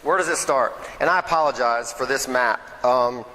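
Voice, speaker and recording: A man gives a nervous, chatty talk on local history to a small crowd in a meeting hall, often checking in with "okay?" and "right?". His mid-range voice is bright and forceful at a moderate pace, and the low-quality recording has a long reverb tail.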